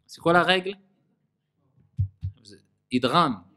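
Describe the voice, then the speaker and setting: A man teaching Quran recitation rules in a classroom. He demonstrates sounds slowly and quizzes his students. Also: on the high side, sharp tone. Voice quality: nasal in recitation. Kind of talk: classroom tajwid lesson.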